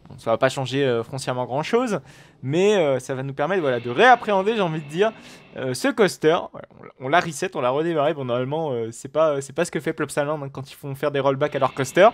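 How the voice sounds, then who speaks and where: A man giving live commentary on a game, excitable and rambling, with frequent swearing and exclamations. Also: fairly high pitch, fast. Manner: rambling with many fillers and restarts. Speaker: gaming video host.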